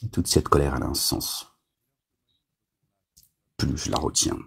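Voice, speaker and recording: A man's voice: extremely low pitch, unhurried, vocal fry, fairly bright tone, husky. A man delivering a rambling, agitated monologue to his viewers, scolding them as a self-styled preacher, with constant verbal tics.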